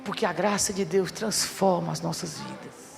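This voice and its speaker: A male pastor preaching a fervent sermon, swinging from hushed passages to loud declarations. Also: high-pitched, normal speed, vocal fry, big-room sound, music in the background.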